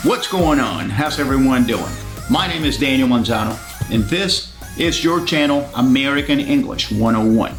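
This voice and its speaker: A man teaching in a casual, friendly lesson, saying each phrase slowly and repeating it before explaining it. His voice sits at a middle pitch. The room gives it a noticeable echo, with faint music underneath. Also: lively intonation. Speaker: English teacher and channel host. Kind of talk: casual bilingual language lesson.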